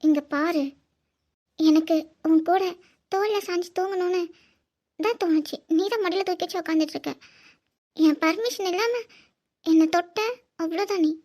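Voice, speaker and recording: A woman's voice: moderate pace, long pauses, darkish tone. A woman voicing a heartbroken young woman in love in a cartoon, emotional and pleading. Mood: indignant. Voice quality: very high, thin cartoon voice. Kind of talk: cartoon voice acting.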